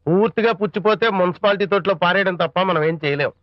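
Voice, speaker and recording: An actor playing a blunt adviser who speaks in measured, proverb-like lines. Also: male voice, sits high, no echo, lightly acted. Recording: dry dull film track.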